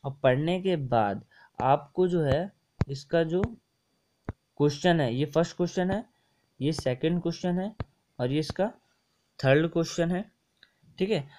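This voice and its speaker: Brief: young male test-prep tutor, slightly high voice, chatty and repetitive, peppers explanations with English words. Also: a little slow, pauses often, darkish tone, slight background noise. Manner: chatty and repetitive, mixing English words into Hindi, often saying ठीक है. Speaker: exam coaching tutor. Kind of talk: casual screen-share lesson explaining test answers.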